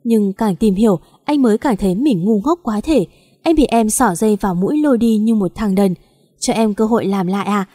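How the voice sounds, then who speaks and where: Woman doing a betrayed husband in an audio story, cold and accusing, low mellow tone, dry sound. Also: fairly quick, dry recording, close to an everyday voice. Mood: bitter. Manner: cold, accusing, restrained anger. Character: bitter betrayed husband, early thirties.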